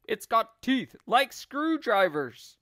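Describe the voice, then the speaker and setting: A man's voice: mid-range voice, sing-song, slow pace, a bit bright, dry recording, clean studio sound, heavily acted. A man doing a nasty, scornful old husband. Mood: mock innocent.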